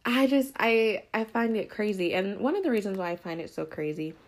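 A woman's voice: medium pitch, a little fast. A woman talking straight to the camera in a casual, emphatic opinion monologue, full of fillers. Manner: animated, emphatic, lots of fillers. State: has the hiccups.

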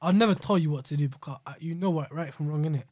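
A man's voice: fairly high pitch, racing, a little mellow, dry recording. A young man with a London roadman accent and street slang, bantering casually as a podcast co-host. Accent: London, urban roadman slang. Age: young adult.

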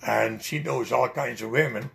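An older man with a Dutch accent and a deeply gravelly, creaky voice recounts his memories. He rambles and pauses often between words as an interviewee. His pitch sits in an ordinary middle range. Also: fairly bright tone. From Netherlands. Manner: rambling storyteller with many hesitations. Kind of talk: oral history interview.

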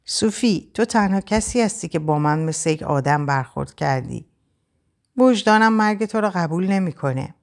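A woman reading the part of a desperate young captive in an audiobook, her voice kept low and urgent as she presses her friend to flee. The tone lifts somewhat above the reader's own and swings widely from line to line. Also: lively intonation, vocal fry. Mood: earnest. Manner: urgent, hushed pleading. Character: desperate young Frenchwoman, captive, urging escape.

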